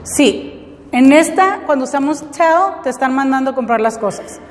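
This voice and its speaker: A woman's voice: sits high, expressive, moderate pace, long reverb tail. A woman teaching English, explaining step by step and often checking that her students follow. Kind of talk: classroom lesson.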